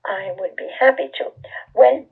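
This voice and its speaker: An older woman from Austria, talking slowly and thoughtfully as an interview guest, softly and breathily at times. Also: medium pitch, creaky, husky. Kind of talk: conversational interview. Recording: tinny phone line.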